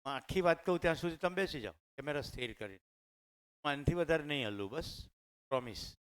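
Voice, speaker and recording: A middle-aged man speaks with a clear, resonant voice and a Gujarati accent. He tells anecdotes conversationally to teachers in a training hall, speaking into a microphone. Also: on the high side, expressive, a little fast, a bit bright. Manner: conversational, anecdotal, addresses audience directly. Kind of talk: storytelling talk to teachers. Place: training hall with live audience.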